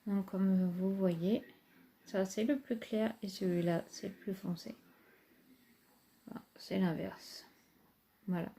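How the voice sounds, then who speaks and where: A woman's voice: medium pitch, fairly even intonation, slow, gravelly, long pauses, dark tone. A woman, casually reviewing makeup palettes in a chatty, hesitant way with many fillers. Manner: enthusiastic about products. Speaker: beauty vlogger.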